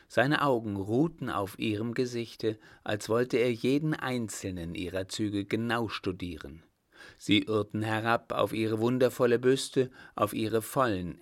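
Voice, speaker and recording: Slow, low-voiced male audiobook narrator. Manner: measured, deliberate storytelling. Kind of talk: scripted narration of a classic novel.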